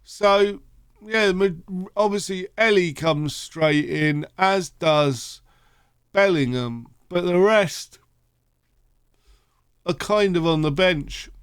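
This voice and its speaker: A sleepy, yawning man hosts a gaming channel, casually commentating his football management game as he rambles and thinks aloud with plenty of fillers. His voice is high-pitched, fairly bright and clean, and he takes it slowly in a dry, clean studio recording.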